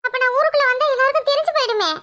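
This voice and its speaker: A woman's voice: extremely high pitch, rapid-fire, pushed and bright. A woman voicing a scared little schoolboy who skipped school, pleading and fretful, with a Kanyakumari Tamil accent. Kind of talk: cartoon voice acting.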